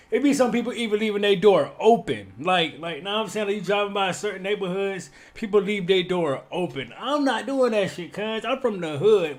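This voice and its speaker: A man hosting a reaction video, talking in slangy, rambling, emphatic casual commentary. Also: high voice.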